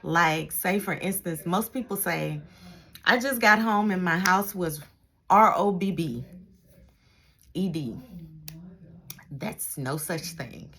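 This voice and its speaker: Speaking slowly with frequent pauses, a retired police dispatcher who now vlogs reminisces casually to the camera. She's a middle-aged American woman with a lowish, creaky, fairly bright voice who acts out small exchanges and repeats phrases to stress them.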